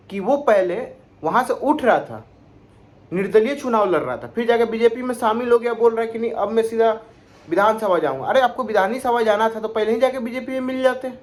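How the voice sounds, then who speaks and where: High-voiced young man ranting about politics. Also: a little mellow. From Bihar, India. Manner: indignant, sarcastic, rhetorical questions. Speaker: political commentator vlogger. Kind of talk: opinionated political rant.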